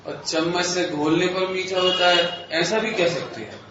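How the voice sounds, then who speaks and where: A man giving a philosophy lecture to a live audience, explaining slowly and deliberately, questioning his listeners in a playful, teasing way. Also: high-pitched, fairly even intonation, background noise. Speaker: religious lecturer. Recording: echoey hall, slightly dull audio.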